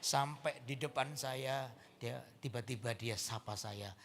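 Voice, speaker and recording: A man's voice: mid-range voice, a little slow, slight background noise. A male pastor with an East Javanese Indonesian accent, telling a humorous story in a sermon and acting out the voices of the people in it. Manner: animated, acts out voices and shouts in anecdotes. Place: church sanctuary.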